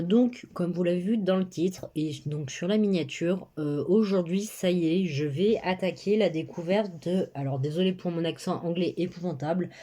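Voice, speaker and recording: Hesitant young woman with a mellow voice. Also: low voice. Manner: hesitant, full of filler sounds and restarts. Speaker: book vlogger. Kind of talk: casual reading vlog. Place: bedroom at home. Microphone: phone camera.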